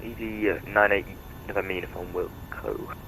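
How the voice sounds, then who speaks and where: A man's voice: low-pitched, level tone, moderate pace, sharp tone. Man over a noisy pilot headset radio. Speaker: flight sim pilot on air traffic radio. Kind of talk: radio readback phraseology.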